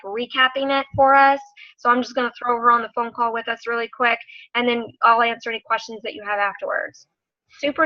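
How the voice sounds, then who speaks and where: A woman leading a team video call, talking in an upbeat, enthusiastic way and quick to praise. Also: fairly high pitch, pushed and bright, dry recording, lo-fi sound. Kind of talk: casual team meeting talk.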